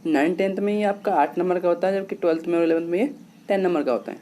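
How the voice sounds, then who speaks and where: A man's voice: high-pitched, fast talker, warm tone, slight background noise. A man teaching a lesson, explaining patiently and often repeating himself as he talks to his students. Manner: patient, repetitive, addresses students as children. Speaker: English teacher.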